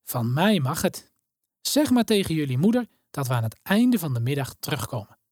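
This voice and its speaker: A woman voicing a kind, calm male pastor speaking gently to children. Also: low voice, moderate pace, slightly rough, dry recording, clean studio sound, full character voice. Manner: calm, friendly and reassuring.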